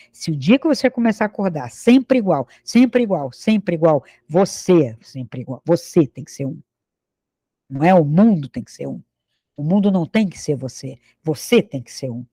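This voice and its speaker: A man's voice: high voice, mellow, no room sound, clean studio sound. A man with a Brazilian accent giving a spiritual lecture, firing rhetorical questions at his listeners and acting out the excuses of imagined people. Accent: Brazilian Portuguese. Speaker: spiritual teacher.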